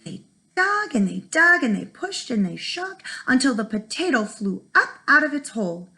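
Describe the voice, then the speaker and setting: A first grade teacher reads a storybook aloud to young children, her fairly high voice swinging widely in pitch with frequent creak at the edges. She uses dramatic pauses, and her delivery is sing-song, bright and forceful.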